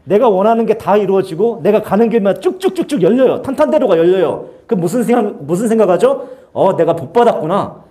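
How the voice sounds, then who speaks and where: A man preaching a lively youth sermon in a church, telling the story with sound effects and acted-out lines. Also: sits high, quick pace, hardly any pauses. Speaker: youth pastor.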